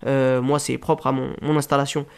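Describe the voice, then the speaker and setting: A man with a French accent talking casually through a software tutorial, full of fillers and restarts. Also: medium pitch, flat delivery, moderate pace, vocal fry, clear, resonant tone. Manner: casual, rambling explanations with frequent fillers. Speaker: WordPress tutorial host. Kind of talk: screen-share tutorial.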